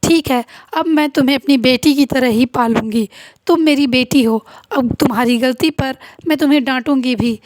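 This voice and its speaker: A woman storyteller plays an older mother-in-law who is stern but loving and speaks gently and reassuringly. The voice is fairly high. The recording is dry. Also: moderate pace, no room sound, natural voice. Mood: tender.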